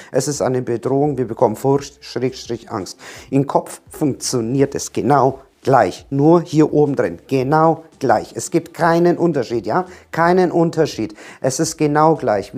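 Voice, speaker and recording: A man's voice: medium pitch, darkish tone. A man giving a direct-to-camera coaching talk on anxiety, emphatic, repeating key words and firing rhetorical questions at the viewer.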